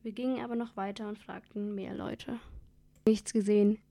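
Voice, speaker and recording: A woman's voice: medium pitch, steady tone, a little fast, vocal fry, warm tone. A woman reading a first-person children's story aloud in a plain manner.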